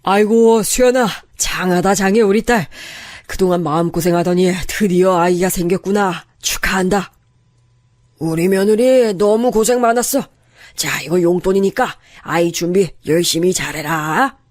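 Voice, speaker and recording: A man's voice: high voice, normal speed, no echo, studio quality, lightly acted. An older man voicing a doting father in an audio story, fond and boastful in a coaxing way. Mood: proud. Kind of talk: storybook voice acting.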